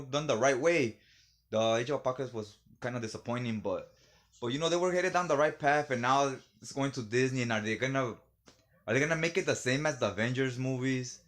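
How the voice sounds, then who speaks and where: Male vlogger, casual commentary, rambling, slightly tipsy, mid-pitched voice. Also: a bit bright. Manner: rambling, loose and conversational. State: a little tipsy from drinking. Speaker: video host.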